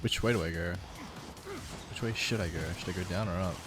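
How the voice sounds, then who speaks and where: A man's voice: low-pitched, fairly quick, over music. A young man streaming a video game, chatting casually in a rambling, self-deprecating way and swearing now and then. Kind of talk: casual gaming commentary.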